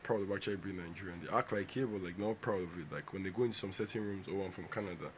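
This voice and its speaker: A man's voice: sits low, very fast, slight background noise. A man guesting on a podcast, talking casually in a laid-back way, repeating himself and laughing often. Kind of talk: casual chat.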